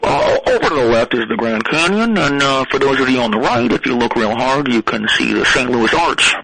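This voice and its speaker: A man doing a comic impression of an airline pilot making a calm cabin announcement in a laid-back drawl. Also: medium pitch, a little fast, creaky, noisy background, pitched below the performer's own voice. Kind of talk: comic impression on a talk show.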